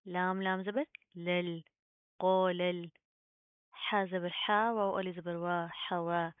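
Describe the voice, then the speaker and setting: A woman gives a step-by-step tajweed lesson, checking in with her students again and again. Her voice is smooth and clear. It sounds dry and narrow, like it came through a phone. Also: fairly low pitch, little pitch movement, takes it slowly, no room sound. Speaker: Quran recitation teacher.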